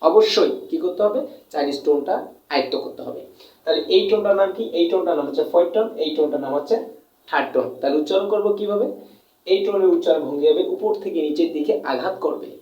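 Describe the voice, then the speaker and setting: This man from Bangladesh teaches Chinese in a Bengali classroom lesson, answering his own questions, repeating points, and drawing out sounds to illustrate tones. He talks fast in a high voice. The recording is muffled, made in an echoey room with the mic far off.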